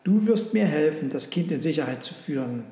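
A man voicing a gentle, urgent male angel messenger in a storybook reading, speaking earnestly. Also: fairly high pitch, lively intonation, a little fast. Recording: roomy with long reverb.

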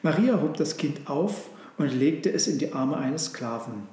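Male storybook narrator, calm and even, slightly high voice, roomy echo. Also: a little slow. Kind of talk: storybook read-aloud narration.

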